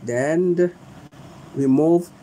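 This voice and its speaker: A young Ghanaian man with a Ghanaian English accent, hosting a live phone tutorial indoors on his phone's front camera. He talks slowly and repeats himself, pleading with viewers to stay. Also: fairly high pitch, slight background noise, poor audio. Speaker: livestream host.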